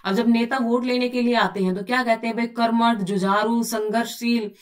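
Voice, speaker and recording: A woman's voice: on the high side, steady tone, normal speed, distant mic. A woman teaching an exam-prep lesson, who keeps asking questions and answering them herself in a chatty, repetitive way. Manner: explains by asking and answering her own questions, often says "bhai".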